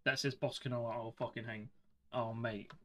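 A man's voice: mid-range voice, little pitch movement, moderate pace. A man casually reacting on a game live stream, exasperated and swearing heavily. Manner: exasperated, foul-mouthed.

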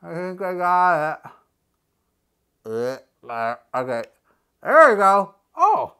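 A woman's voice: lowish voice, wildly swooping pitch, slow pace, bright, forceful tone, clean tone. A woman hosting a casual unboxing vlog, talking with a mouthguard in, playful and jokey as she reads instructions aloud. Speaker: unboxing video host.

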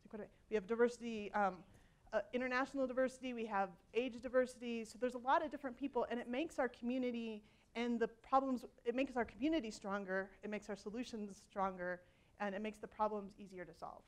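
A woman's voice: fairly high pitch, steady tone, quick pace. A woman in her forties giving a conversational conference keynote on a hall stage, with frequent ums and restarts and a self-deprecating humor. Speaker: keynote speaker.

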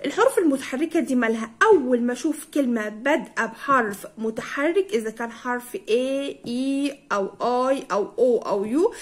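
A young woman with an Egyptian Arabic accent, teaching a primary school English lesson. She repeats words and drills them slowly, spelling out letters. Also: high-pitched.

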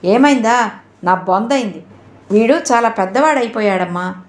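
A woman's voice: fairly high pitch, lively intonation, moderate pace, lightly acted. A woman voicing an elderly, emotional aunt in a read-aloud story. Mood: upset. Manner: pleading and emotional. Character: elderly aunt, tearful and anxious. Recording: roomy echo.

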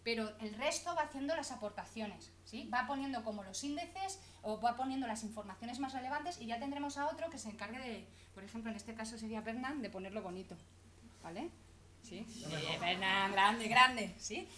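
A woman's voice: a little high, animated, normal speed, sharp tone. A woman giving a chatty, teasing conference talk, constantly checking in with her audience. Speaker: conference presenter. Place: conference hall. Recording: echoey conference hall, faint hum.

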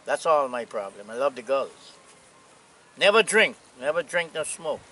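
A man in his eighties from Anguilla with a Caribbean accent, reminiscing casually in an unhurried, plainspoken way. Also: medium pitch, very animated, sharp tone, rough recording. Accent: Anguillan Caribbean English. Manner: unhurried, plainspoken old seaman's talk with pauses. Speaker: retired sea captain, interviewee. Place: outdoors on a seaside hillside. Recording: outdoor camera audio with noise.

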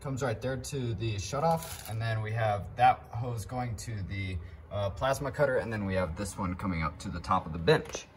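Filming handheld with noticeable background noise, a man vlogs informally from his home garage workshop, guiding viewers through a DIY project. He speaks at a moderate pace in a lowish voice and refers to his audience as "guys."

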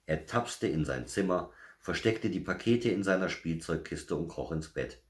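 Very deep-voiced man reading a children's story. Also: expressive. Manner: gentle, measured storytelling.

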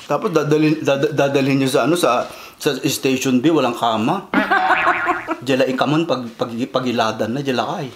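A man vlogger telling a story in a casual chat, animated and laughing often. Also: mid-range voice, normal speed, reverberant, slight background noise.

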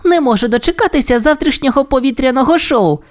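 A brave, cheerful female puppy pilot, put on by a woman reading a storybook aloud. The voice sits high above the reader's own and swings lively up and down. She sounds eager and determined. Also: quick pace. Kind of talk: audiobook character voice.

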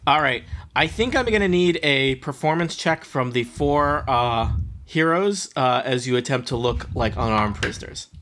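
A middle-aged man narrating an online tabletop game as game master, in a halting, conversational way. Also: mid-range voice, lively intonation, fairly bright tone, a little hiss or hum. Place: small room at home.

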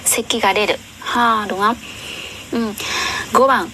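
A young woman tutoring Japanese on a livestream, chatty and often asking viewers questions, reading sentences slowly. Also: on the high side, steady tone, noisy background. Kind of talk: casual livestream lesson.

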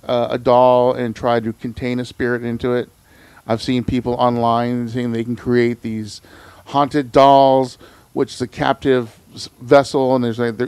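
A man's voice: medium pitch, darkish tone, clean tone, no room sound. A man hosting a podcast, telling stories in a laid-back, slangy casual chat. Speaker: podcast host.

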